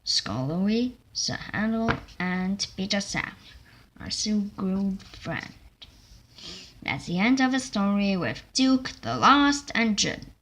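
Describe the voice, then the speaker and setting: A woman reading a children's train story aloud, halting and stumbling over words. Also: mid-range voice, big pitch swings, fairly bright tone, slight background noise. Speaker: reader.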